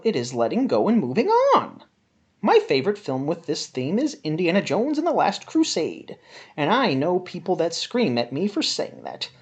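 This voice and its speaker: Reading a written review aloud like a monologue, a woman delivers it melodramatically and emphatically, drawing words out for effect. She speaks in a lowish, slightly mellow voice.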